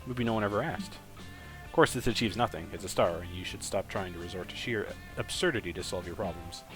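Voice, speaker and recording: A man's voice: low voice, a little fast, over music. A man narrating a camp dating game to friends, joking and stumbling over the text.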